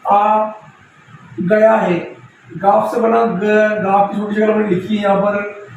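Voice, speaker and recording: A man's voice: high-pitched, flat delivery, slow pace, darkish tone, slight background noise. A man teaching a step-by-step script lesson, patiently explaining, repeating letters and asking questions he answers himself. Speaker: Urdu teacher. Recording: very echoey room from far off.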